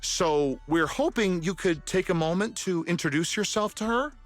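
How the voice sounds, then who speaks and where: A man playing an eager, apologetic show director in an anime game, polite, excitable and placating. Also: sits high, moderate pace, no room sound, faint music behind.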